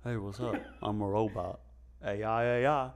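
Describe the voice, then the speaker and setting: A man doing a lowered, put-on robot voice, playing a smooth-talking flirty male robot in casual banter and joking as he goes. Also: fairly even intonation, normal speed, crowd noise, close to an everyday voice. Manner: joking, laughing through the bit.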